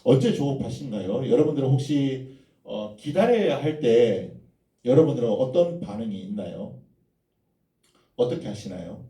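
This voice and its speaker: A man's voice: mid-range voice, big pitch swings, normal speed, mellow. Man, sermon, storytelling, far from the mic, echoey church hall. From Gyeongsang, South Korea. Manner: storytelling, addressing the congregation. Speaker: preacher.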